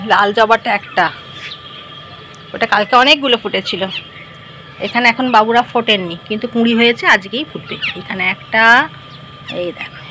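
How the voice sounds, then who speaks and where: A woman's voice: fairly high pitch, bright, forceful tone, slight background noise. A woman vlogger, chatting casually to the camera about her morning at home. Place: rooftop and home, outdoors and kitchen.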